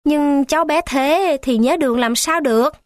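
A woman voicing a kindly older male locksmith who gently gives directions. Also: high voice, normal speed, no room sound, clean studio sound, voice pushed up, lightly acted.

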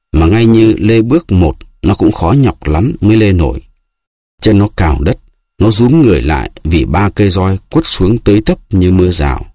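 A man with a very deep, husky voice reads a classic novel aloud as an audiobook, narrating steadily and expressively. The recording is dry and close, with no room sound.

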